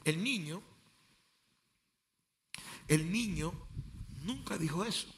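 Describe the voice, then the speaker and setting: A male pastor preaching an impassioned sermon, swinging between quiet passages and loud outbursts. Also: high-pitched, animated, slow, a little hiss or hum.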